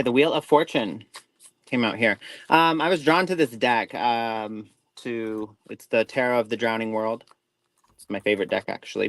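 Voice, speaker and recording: A man's voice: mid-range voice, fairly bright tone, dry recording, rough recording. Guy doing a live tarot reading, dry sound, kinda rambly, keeps cutting himself off. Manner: rambling, self-interrupting, folksy reassurance. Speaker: tarot reader, co-host.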